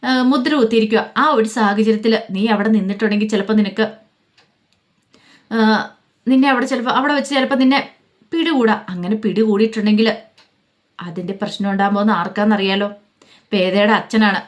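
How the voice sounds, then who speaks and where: A woman's voice: mid-range voice, a little fast, pauses often, close to an everyday voice. A woman voicing a worried old father. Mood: cautioning. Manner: steady, cautioning, explaining. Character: worried older father, a retired teacher.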